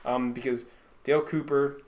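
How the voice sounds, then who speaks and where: A man's voice: mid-range voice, little pitch movement, moderate pace. Rambling, cursing male podcast co-host. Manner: rambling, swears freely, trails off quietly. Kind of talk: casual chat.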